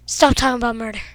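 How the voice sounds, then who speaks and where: A young woman giving playful, goofy gameplay commentary, teasing her teammates and bursting into shouts. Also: fairly high pitch, dry recording. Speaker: gaming video creator.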